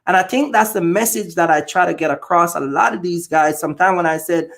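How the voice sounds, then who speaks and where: Here the Jamaican host's voice sits high, a bit bright and creaky, and he speaks a little quickly. The man, from Jamaica and carrying its accent, drives home his points in a casual podcast chat with blunt emphasis and plenty of repetition.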